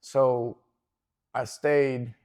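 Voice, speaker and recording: A man in his forties from Venezuela, a jiu-jitsu instructor, telling his story in a relaxed, rambling way with many fillers and restarts. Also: mid-range voice, extremely slow. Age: 40s. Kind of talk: casual interview.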